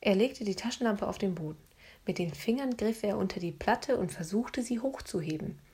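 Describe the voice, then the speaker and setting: A woman narrating a children's storybook in a hushed, suspenseful manner. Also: medium pitch, expressive, moderate pace, breathy edge. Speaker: audiobook narrator.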